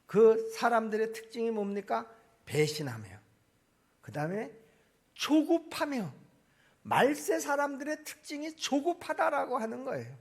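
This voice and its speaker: A man preaches from the pulpit of a church. His voice sits high and rises and falls with energy. The tone carries a gravelly rasp and a husky edge, and he jumps from loud emphasis to quiet, low asides. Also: huge pitch swings, unhurried. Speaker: pastor. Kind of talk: sermon. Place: church sanctuary.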